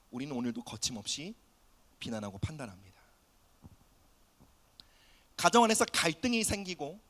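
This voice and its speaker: A man preaching an earnest sermon in a high, bright voice that rises and falls widely. He often sinks to a soft near-whisper to press a point home, and acts out quoted family voices as he goes. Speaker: pastor.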